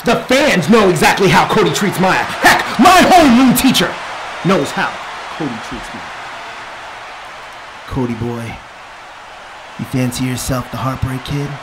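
A man's voice: fairly high pitch, big pitch swings, music in the background, low-quality recording. A young man playing a boastful, theatrical pro wrestler who talks in the third person in a promo parody, drawing out key words. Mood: brooding intensity, then taunting. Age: young adult. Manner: theatrical, boastful, drawn-out emphasis. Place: small indoor set, dark backdrop.

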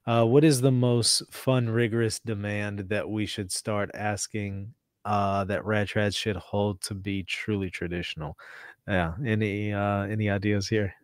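Low-voiced podcast host, dry studio sound. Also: male voice, clean tone, no echo. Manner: relaxed, agreeable, quick affirmations. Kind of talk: casual interview conversation. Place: studio with bookshelves. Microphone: studio podcast mic on boom arm.

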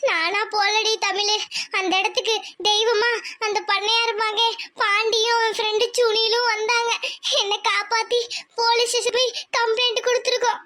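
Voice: extremely high pitch, flat delivery, normal speed, bright, forceful tone. A performer voicing a distraught middle-aged village mother who wails and sobs in a cartoon. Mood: weeping. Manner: wailing, sobbing lament. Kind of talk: cartoon voice acting.

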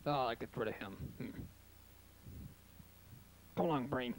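A man's voice: mid-range voice, unhurried, close to an everyday voice. A man playing a vengeful, bumbling alien in an amateur sci-fi B-movie spoof, with clumsy, offhand threats. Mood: bumbling, triumphant. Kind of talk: amateur 1950s sci-fi parody acting. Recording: noisy amateur videotape with hum.

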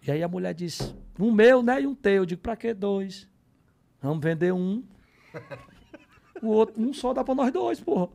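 Brief: male comedian, high-pitched, excitable storyteller who drops to mutters and bursts out loud, slangy and profane. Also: normal speed, gravelly, pauses often. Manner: excitable, swings from low mutters to loud exclamations. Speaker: comedian guest on a podcast. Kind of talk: animated comic storytelling.

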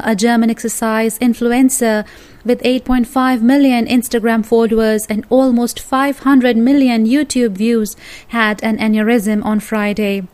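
A woman hosting a news channel, reading a scripted report in a steady read-aloud way. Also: on the high side, smooth.

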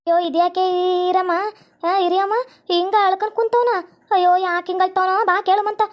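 Woman doing a fussy old village granny, very high voice, rapid talk. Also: steady tone. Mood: worried. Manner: fond scolding, soothing repetition. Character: old village grandmother, fussing and consoling.

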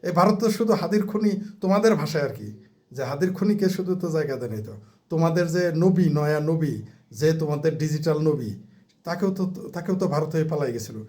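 A man's voice: on the high side, lively intonation, brisk, a little mellow. A man, ranting as a political commentator in a mocking, heated way, with crude insults and rhetorical questions.

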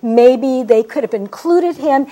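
Halting woman talk-show host. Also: high-pitched, warm tone. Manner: halting, many fillers and restarts. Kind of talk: casual talk-show chat.

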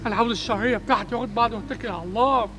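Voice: medium pitch, racing, a bit bright, soft background music, natural voice. A performer playing a panicky household worker and father with an Egyptian Arabic accent, pleading and jittery in a comedy skit.

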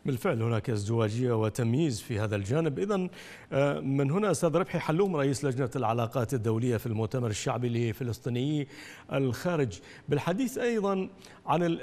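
A man's voice: mid-range voice, darkish tone, big-room sound. A man hosting a live news panel, moderating the guests and putting questions to them, with frequent hesitations and filler sounds. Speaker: news host.

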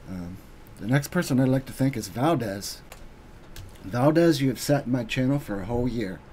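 A man giving an earnest, halting thank-you speech on his live stream, pausing often with ums. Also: mid-range voice, animated, a little mellow, slight background noise. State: getting emotional.

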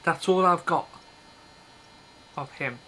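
A man in his thirties, a video blogger, rambles casually to his webcam in a small indoor bedroom with red curtains, blunt and offhand and often dropping thoughts halfway through. His voice sits a little high and moves at a slow pace, with a pushed, bright quality. The built-in webcam mic picks up a faint hiss or hum.

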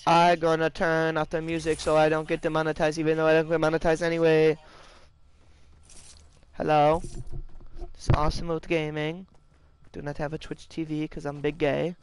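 A man's voice: a little high, monotone, moderate pace, a little hiss or hum. A young man live-streaming a video game, joking, swearing and talking to his chat. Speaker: gaming streamer.

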